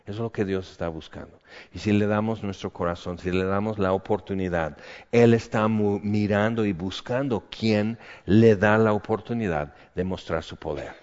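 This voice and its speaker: Fervent pastor preaching in a hall. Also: male voice, fairly low pitch, moderate pace. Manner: swings from hushed prayer to fervent shouting. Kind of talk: sermon. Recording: dull sound with long hall reverb.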